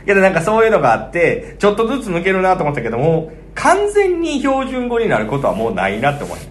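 Man, Kansai accent, comedy-duo chat, lively swings in pitch, fast. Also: a little hiss or hum. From Osaka, Japan. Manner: animated, quick banter with frequent laughs. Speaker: comedian co-host.

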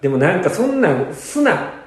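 A man's voice: high-pitched, very animated, moderate pace, reverberant. A man with a Kansai accent co-hosting a casual chat podcast, teasing and giving blunt retorts. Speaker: podcast co-host.

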